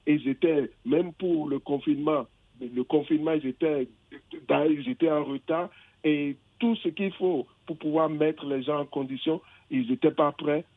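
A man's voice: a little high, moderate pace, dry recording. A man from England calling into a radio show, hesitant and searching for words, with many restarts. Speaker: caller. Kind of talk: phone-in conversation. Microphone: telephone. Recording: tinny phone line.

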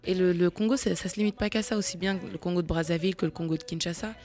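A woman's voice: on the low side, fairly even intonation, rapid-fire, darkish tone, soft background music. A woman raised in France, a festival organizer, speaking earnestly as an interview guest about her event. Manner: earnest and promotional, lists names and plans.

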